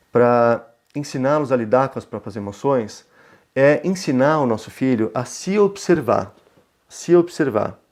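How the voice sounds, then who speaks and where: Brazilian man in his thirties, parenting educator, gentle and reflective, mid-pitched, relaxed webinar delivery. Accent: Brazilian Portuguese. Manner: calm, reflective, gentle, often ending phrases with a questioning tag. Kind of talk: conversational webinar talk.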